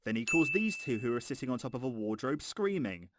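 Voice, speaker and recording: Sarcastic, animated male film reviewer. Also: mid-range voice, a little fast, very noisy. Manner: mocking, exasperated, sweary. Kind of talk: sarcastic scripted review narration.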